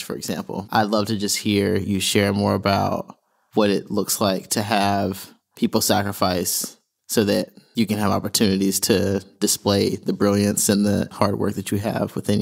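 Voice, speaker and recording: Low-voiced male podcast host, gravelly. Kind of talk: interview hosting.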